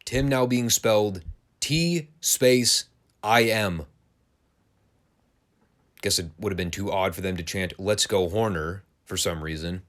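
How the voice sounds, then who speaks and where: A man's voice: fairly low pitch, slow pace, long pauses, a bit bright. A man hosting a wrestling podcast, giving a casual, sarcastic and crude play-by-play review of an old broadcast. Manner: sarcastic, crude, dry humor.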